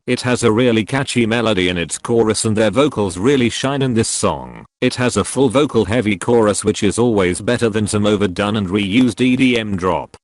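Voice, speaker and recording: A text-to-speech male voice reading a scripted opinion commentary with an even, synthetic delivery. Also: lowish voice, no room sound. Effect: text-to-speech robot voice.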